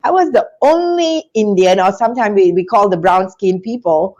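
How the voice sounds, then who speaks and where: A woman from Singapore, a guest in an interview, telling her story in an animated, chatty way with frequent restarts. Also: medium pitch, moderate pace, highs cut off. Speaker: interview guest, business school founder.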